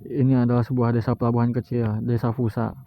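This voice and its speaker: Monotone man reading a manga aloud. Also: medium pitch, fast, a little hiss or hum. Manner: monotone, with slips and self-corrections. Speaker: manga reader. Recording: tinny phone-like, dry.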